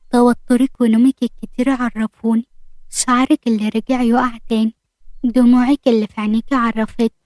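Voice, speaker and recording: A woman voicing a middle-aged mother, steady and tender. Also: fairly high pitch, dry recording, natural voice.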